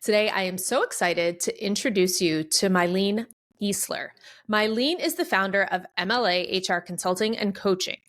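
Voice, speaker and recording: A woman's voice: mid-range voice, normal speed, a bit bright. Upbeat woman podcast host. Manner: upbeat, scripted introductions. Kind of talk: podcast interview hosting.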